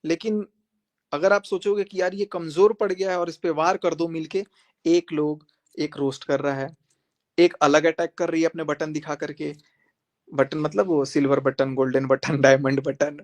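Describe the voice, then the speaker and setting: A man's voice: fairly high pitch, flat delivery, normal speed. A young man on a live stream, speaking defiantly and confrontationally, repeating phrases for emphasis as he challenges his critics. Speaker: social media creator on a live stream. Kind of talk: heated live-stream monologue.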